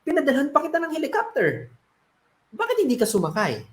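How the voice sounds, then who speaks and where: A man voicing a calm, patient God who scolds gently in a measured way. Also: very high voice, background noise, voice pushed up, heavily acted. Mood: gently scolding. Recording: roomy echo.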